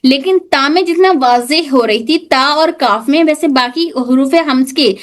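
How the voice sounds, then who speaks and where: A woman teaching an online tajweed class in a high voice. She explains where each letter is formed and repeats the sounds slowly for her students. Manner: demonstrates letter sounds repeatedly, explains patiently with English loanwords.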